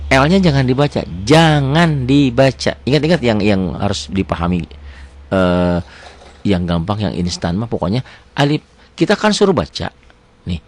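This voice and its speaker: Lowish-voiced man teaching Quran recitation. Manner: chatty, self-assured teaching, slow melodic recitation. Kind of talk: tajwid lesson with recitation.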